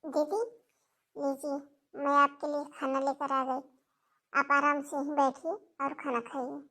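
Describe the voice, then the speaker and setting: A woman's voice: sits high, flat delivery, a little slow, pushed and bright, full character voice. A woman voicing a kind, protective young sister-in-law in a cartoon, speaking in a firm, reassuring way. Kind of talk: cartoon voice acting.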